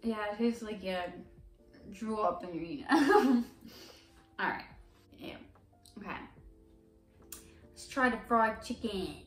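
Young woman, vlog host, slow unhurried talk, squeamish and giggly, roomy distant sound. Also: medium pitch. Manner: chatty, squeamish, laughs easily. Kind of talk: casual chat while taste-testing candy. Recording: roomy sound from a distant mic, faint music.

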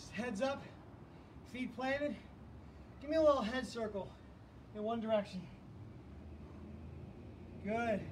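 A fitness instructor with a high voice leads a live online workout, energetically calling out counts and cues. The mic is distant, with faint background noise.

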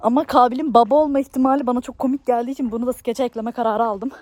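A woman's voice: a little high, steady tone, very fast, a little mellow, dry recording. A woman casually chatting to her viewers as the creator of a comedy vlog.

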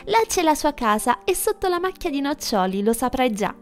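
A woman's voice: high-pitched, sing-song, normal speed, voice pushed up. A woman voicing a sweet, cheerful little girl in a storybook reading, over faint music. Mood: eager. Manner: bright, eager, childlike.

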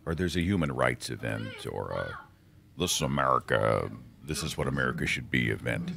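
A man's voice: very deep voice, lively intonation, normal speed, vocal fry, a crowd in the background. A man casually commenting while streaming a video game, swearing and musing aloud. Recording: voice over loud game music.

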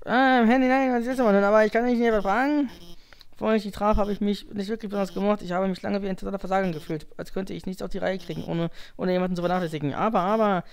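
A man's voice: high voice, steady tone, racing, smooth. A man voicing a nervous female lizard scientist who stammers and hesitates. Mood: sheepish. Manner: hesitant, stammering, self-doubting.

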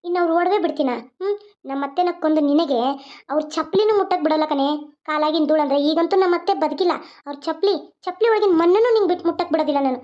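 Fiery young wife for a village cartoon, woman doing the voice, high-pitched and brisk, lo-fi sound. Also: a little mellow. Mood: furious. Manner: scolding, accusing, firm. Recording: dull lo-fi.

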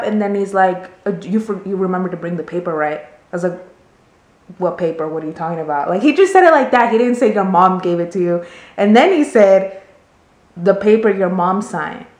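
A woman's voice: fairly low pitch, reverberant. A young adult woman vlogging, telling a story in casual, rambling chat full of "like" fillers. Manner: chatty, rambling, many "like" fillers.

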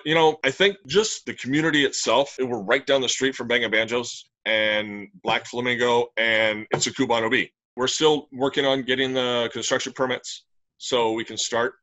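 A middle-aged brewery owner talks casually about his plans in plain detail, joining a video call from a small room. His medium-pitched voice is bright and forceful, picked up by a webcam in a rough recording.

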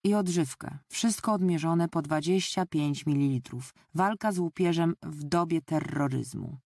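Sardonic grumpy husband in an audiobook, read by a woman, low-key, gravelly, dark tone. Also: moderate pace, dry recording. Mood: dry. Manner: dry, sardonic. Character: grumbling middle-aged husband, dry and sardonic.

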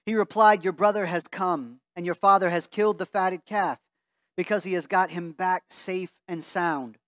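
In a church sanctuary with a stained-glass wall behind him, a pastor in his thirties stands reading earnestly from his Bible as he preaches. The high, fairly bright voice keeps a steady tone at a moderate pace, recorded in studio quality with no echo.

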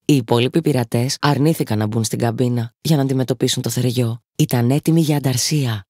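Woman narrator, children's audiobook, expressive lilt, dry close studio sound. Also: extremely low pitch, husky, dry recording. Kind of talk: scripted storybook narration.

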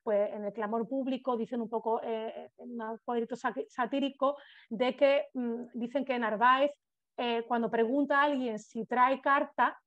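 A woman giving an academic conference lecture, often pausing with hesitant fillers. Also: fairly high pitch, fairly even intonation, fairly bright tone, dry recording. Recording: dull dry recording.

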